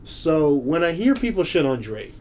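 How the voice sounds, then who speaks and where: A young man co-hosting a podcast, talking earnestly and haltingly in casual chat. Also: fairly high pitch, big pitch swings, a little mellow. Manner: earnest, halting, many fillers. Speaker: podcast co-host.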